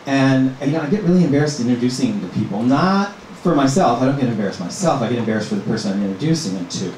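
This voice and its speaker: A middle-aged man from Minnesota performing a stand-up comedy set in a small club, talking in a halting, deadpan way full of ums. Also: medium pitch, slight background noise. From Minnesota, USA. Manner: halting, filler-heavy, deadpan delivery. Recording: very echoey room, mic from a distance.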